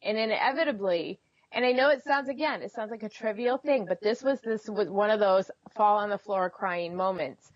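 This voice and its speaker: A middle-aged woman telling personal stories candidly in an expressive, conversational way, as an interview guest. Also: medium pitch, normal speed, dry recording, highs cut off. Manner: expressive, acts out reported dialogue.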